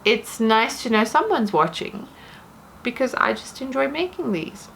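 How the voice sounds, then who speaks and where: A woman's voice: on the high side, big pitch swings, unhurried, gravelly, fairly bright tone, slight background noise. A woman vlogger chatting casually to camera from her bedroom at home, rambling in a self-deprecating way.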